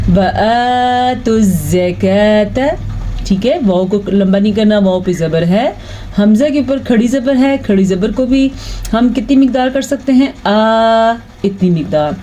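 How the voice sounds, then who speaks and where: A woman teaching Quran recitation, explaining patiently and reciting verses in a slow chant. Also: medium pitch, warm tone, poor audio. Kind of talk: online tajweed lesson.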